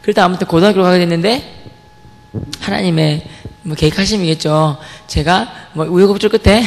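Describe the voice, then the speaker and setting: A young Korean man tells his testimony to a church congregation. He has a fairly high voice, acts out the dialogue in his story, and keeps throwing questions back at his listeners, while his words ring out with a long church-hall reverb. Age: young adult. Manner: animated storytelling, acting out quotes, asking the congregation questions. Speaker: testimony speaker at a church service. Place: church sanctuary.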